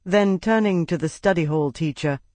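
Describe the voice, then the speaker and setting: A woman audiobook narrator reading a classic novel in a measured, expressive storytelling manner on a close studio mic. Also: fairly low pitch, dry recording. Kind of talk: scripted literary narration.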